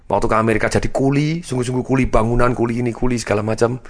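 A man giving a money management lecture, telling a story and acting out its quoted dialogue with animated shifts. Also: medium pitch, racing.

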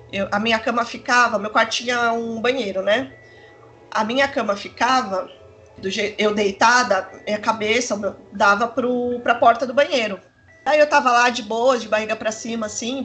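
A woman, telling a personal story in casual chat, rambling and animated with many fillers. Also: fairly high pitch, a little hiss or hum. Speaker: storyteller in a conversation.

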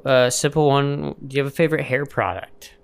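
A woman hosting a casual podcast interview, asking questions and making quick jokes. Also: very deep voice, steady tone, gravelly, clean tone. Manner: jokey, throws in shout-outs and quips. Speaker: podcast host.

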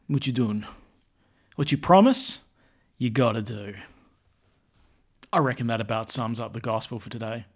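A man speaking as a clergyman at Mass, reading the gospel and giving a homily in an emphatic, rhetorical way. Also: medium pitch. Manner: emphatic, rhetorical, informal when preaching.

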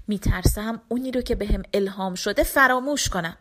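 A woman voicing Mulla Nasreddin, an excitable, self-satisfied older man who talks in an eager, bossy way. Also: mid-range voice, slight background noise, close to an everyday voice. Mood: excited, boastful. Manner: eager, bossy, pleased with himself.

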